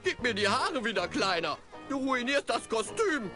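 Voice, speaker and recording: An actor voicing a goofy, giggling, short-tempered carnival dog mascot in a cartoon adventure game. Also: male voice, very high-pitched, very animated, moderate pace. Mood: menacing. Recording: carnival game music behind.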